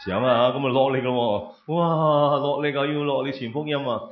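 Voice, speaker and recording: An older man, a pastor, preaching an animated sermon, firing off rhetorical questions and answering them with loud exclamations. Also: mid-range voice, moderate pace. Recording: roomy, dull lo-fi recording.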